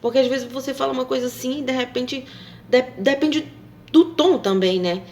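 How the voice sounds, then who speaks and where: Woman with a rambling, gravelly voice. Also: sits high, normal speed, darkish tone, a little hiss or hum. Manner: rambling, hesitant, full of fillers and tag questions. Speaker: vlogger. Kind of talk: casual monologue to camera.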